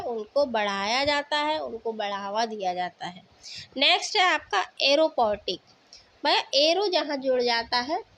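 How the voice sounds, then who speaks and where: A woman's voice: high voice, a bit bright. A woman teaching an exam-prep lesson with memory tricks, explaining patiently with fillers and questions to the viewer, and words spoken.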